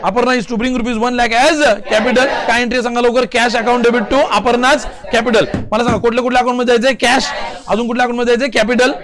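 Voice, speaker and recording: A male commerce teacher leading a classroom accounting lesson, firing quick questions and calling on students to answer loudly. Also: extremely high pitch, flat delivery, a crowd in the background. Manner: drilling students with rapid call-and-response questions. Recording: class chorus behind.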